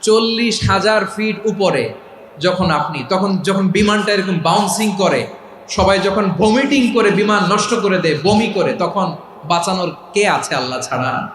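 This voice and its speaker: A man's voice: sits high, a bit bright, roomy sound, a little hiss or hum. A man preaching a sermon to a large gathering, calling out questions and demanding the crowd answer aloud. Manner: chants the dhikr in a drawn-out sung voice.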